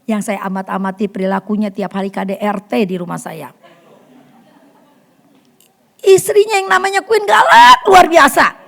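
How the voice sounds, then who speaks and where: Animated gravelly woman preaching. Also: mid-range voice, moderate pace, long pauses. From Indonesia. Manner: animated, acts out quotes, swings from loud to hushed. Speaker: women's fellowship leader. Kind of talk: sermon. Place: church hall.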